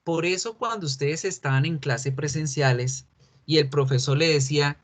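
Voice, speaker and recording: A man's voice: a little high, moderate pace. A male English teacher explaining grammar in to his class over a video call, chatty and joking, calling on students by name.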